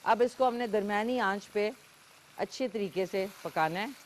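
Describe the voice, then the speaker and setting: A woman's voice: medium pitch, normal speed. Pakistani woman cooking-show host, chatty demo style, faint background hiss. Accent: Pakistani Urdu. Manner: chatty, talks while cooking, frequent fillers. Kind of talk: live cooking demonstration with callers.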